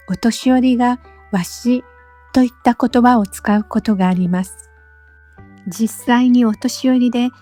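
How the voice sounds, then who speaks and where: Slow, careful woman teaching Japanese. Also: fairly high pitch, dark tone. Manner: slow, careful, clearly spaced delivery. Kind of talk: scripted lesson narration.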